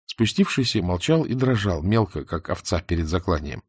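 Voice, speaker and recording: A man narrating a humorous audiobook in a wry, measured storytelling manner. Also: deep voice, expressive, husky, no echo, clean studio sound.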